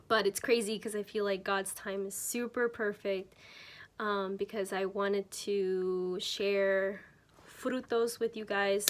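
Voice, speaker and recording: Speaking to camera about her faith, a church member from Mexico in her twenties gives her testimony in a mid-range, slightly bright voice. The telling is relaxed and unpolished, full of ums and moments where she corrects herself.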